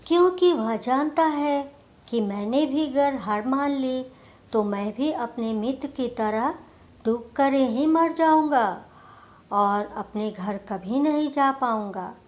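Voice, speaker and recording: Narrating a scripted moral tale, a woman speaks slowly in the manner of a storyteller, her voice pitched a little high with a darkish tone.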